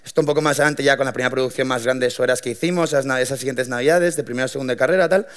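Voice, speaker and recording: A young man, telling his founding story to an audience in a lively, colloquial way with many restarts. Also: medium pitch, very fast, clear, resonant tone. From Madrid, Spain. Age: 20s. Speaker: young entrepreneur giving a talk.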